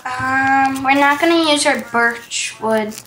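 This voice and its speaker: A woman's voice: high voice, slow, fairly bright tone. A woman hosting a casual game commentary. She chats and exclaims as she plays and reads quest text aloud. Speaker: gaming channel host. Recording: echoey room with faint hiss.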